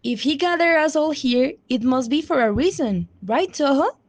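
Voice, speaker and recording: A woman's voice: high voice, animated, normal speed. A woman voicing a desperate young girl. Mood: firm. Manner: urgent, shouting. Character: frightened young girl, brave and caring.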